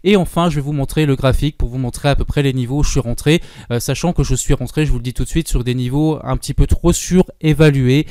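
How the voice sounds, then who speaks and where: Smooth-voiced man hosting an investing video. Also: mid-range voice, fast talker, few pauses, warm tone, dry recording, studio quality. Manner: informal, many fillers and asides. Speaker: stock-investing channel host. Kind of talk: casual screen-share commentary.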